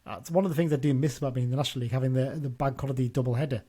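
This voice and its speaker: A man's voice: mid-range voice, steady tone, rapid-fire, dark tone, husky. A man hosting a casual football podcast, chatting loosely with frequent restarts and self-corrections. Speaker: podcast host.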